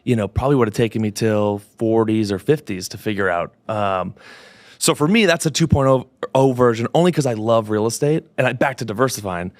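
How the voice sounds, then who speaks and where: Young man, lively pitch, upbeat chatty guest, dry close sound, from southern New Hampshire. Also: a little fast, no echo. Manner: upbeat, animated, playful. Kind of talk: casual chat.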